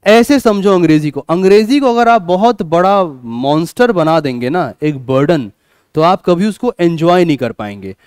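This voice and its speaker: Male teacher, classroom lecture, high voice, clear and dry sound. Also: normal speed, dry recording. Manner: animated, asks questions and answers them himself.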